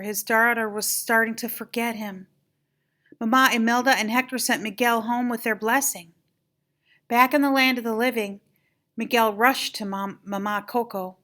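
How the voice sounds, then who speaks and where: Bright-voiced grandmother reading a storybook. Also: fairly high pitch. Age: older. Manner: animated, dramatic emphasis on exclamations and key moments. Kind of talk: expressive children's storybook read-aloud.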